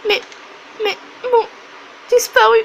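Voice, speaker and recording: A woman's voice: very high voice, flat delivery, takes it slowly, gravelly, a little hiss or hum, voice pushed up, exaggerated voice. A woman voicing a whiny, upset little girl in a game she is reading aloud. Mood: sulky.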